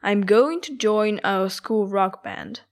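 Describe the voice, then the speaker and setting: A teenage schoolboy , voiced by a woman, introduces himself at an unhurried pace with an even mid-range voice. He speaks carefully and clearly, like a recording from a language coursebook. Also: medium pitch. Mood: cheerful. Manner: slow, careful, clear delivery. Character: teenage schoolboy from Argentina, keen on music. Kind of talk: scripted textbook dialogue.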